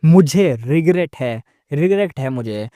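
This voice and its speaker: A defiant young male immortal, worn down by grief, speaks with quiet, bitter stubbornness, as a storyteller puts him on. His voice sits fairly high for a man. The sound is dry and close, with no room echo. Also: expressive, normal speed, smooth, lightly acted. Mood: grieving.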